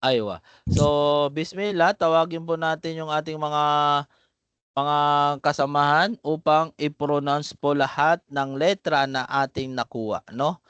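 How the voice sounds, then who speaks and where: Guy teaching letters over a video call, slow and patient, smooth clear voice, dry sound. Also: a little high, fairly even intonation, a bit bright, no room sound, muffled recording. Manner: slow, patient, calls students by name. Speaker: Arabic alphabet teacher. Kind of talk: online class drilling letter sounds.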